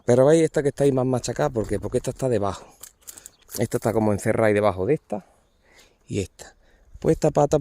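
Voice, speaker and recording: A man's voice: medium pitch, darkish tone, no room sound. A man, explaining olive pruning outdoors in an olive grove, informal and constantly pointing things out to viewers. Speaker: olive pruner. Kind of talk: hands-on field demonstration.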